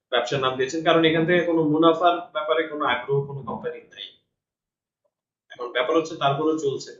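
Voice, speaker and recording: A man with a Bangladeshi accent teaching an online English class, patiently correcting a student's reading and explaining in Bengali. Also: mid-range voice. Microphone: online call. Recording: roomy, dull online call audio.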